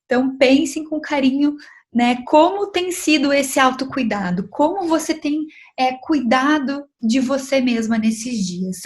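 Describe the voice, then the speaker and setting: A young adult woman with a Brazilian Portuguese accent, speaking as a child psychologist in an online lecture for mothers. Her voice sits somewhat high, and she talks in a gentle, advising way, often checking in with tag questions.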